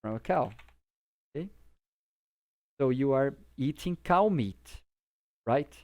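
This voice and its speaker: Expressive and slow, this man's medium-pitched voice has a darkish tone. He is an English teacher from Brazil, a native Portuguese speaker, walking through English vocabulary informally in plain terms and frequently checking the listener's understanding.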